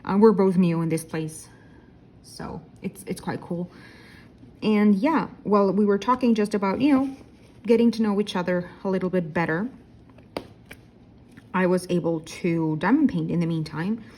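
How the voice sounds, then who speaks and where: A woman's voice: on the low side, moderate pace, pauses often, warm tone. A woman in her thirties chatting casually in a vlog while crafting, tired and yawning, rambling with fillers and correcting herself. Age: 30s. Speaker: diamond painting vlogger. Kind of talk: casual chat.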